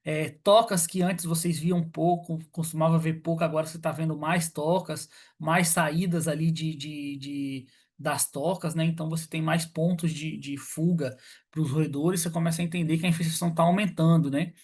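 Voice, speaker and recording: A man's voice: a little high, steady tone, moderate pace, darkish tone. A man giving an online lecture over a video call, hesitant, with many fillers and restarts. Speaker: guest lecturer on pest control.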